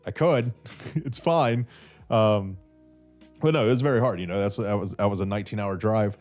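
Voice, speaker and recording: With faint music behind him, a fairly low-pitched, darkish voice holds a steady tone at a moderate pace. It belongs to a podcast host in his thirties from North Carolina, seated in an armchair in a small brick-walled room and using a red studio mic on a boom arm. A little stuffy from a cold, he answers listener questions in a loose, rambling way thick with fillers and restarts.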